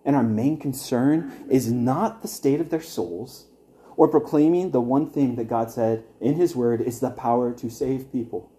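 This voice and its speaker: A man's voice: medium pitch, measured pace, mellow. A young man teaching an evangelism class at church, earnest and conversational, with wry asides to his listeners.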